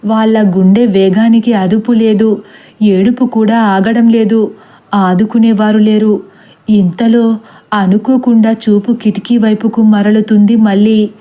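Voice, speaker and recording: A woman reading a horror story aloud in a steady, suspenseful way. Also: on the high side. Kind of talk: scripted horror story narration.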